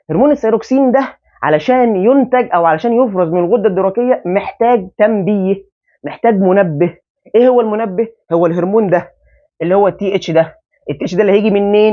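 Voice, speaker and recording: A man with an Egyptian Arabic accent teaching a biology lesson at a whiteboard, quizzing students with quick rhetorical questions. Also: sits high. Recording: dull lo-fi sound.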